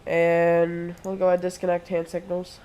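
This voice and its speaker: A congested young man sick with a throat infection streams from home, chatting casually through each step of a flight simulator session into his desk mic as live play-by-play. His voice sits high with a completely flat delivery, moderate pace, and a darkish yet clean tone.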